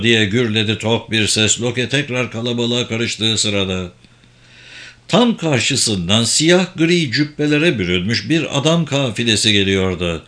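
A man narrating a fantasy audiobook in a measured, even storytelling delivery. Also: medium pitch.

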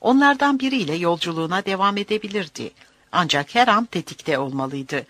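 A narrator reading a novel aloud as an audiobook, in an expressive storytelling manner. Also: medium pitch, brisk, no echo.

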